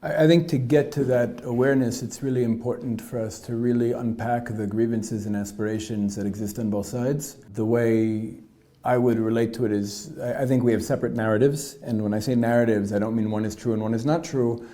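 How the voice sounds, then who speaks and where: A teacher and peace activist in a panel discussion, explaining his views in a measured, step-by-step way. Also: medium pitch, steady tone, dark tone.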